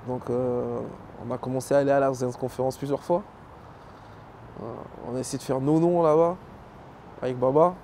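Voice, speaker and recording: In a casual interview, a middle-aged Belgian dancer with a Congolese family recounts his life story, relaxed and heavy on fillers as he runs through names. He talks at a moderate pace with a medium pitch, pausing often, and the recording carries a little hiss or hum.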